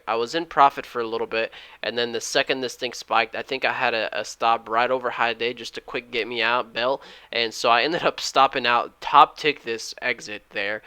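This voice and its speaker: A man recapping his day trades at home, talking fast and loud and often correcting himself. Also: mid-range voice, steady tone, smooth, no echo. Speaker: day trading YouTuber. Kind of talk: screen-share trade recap. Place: at home, alone.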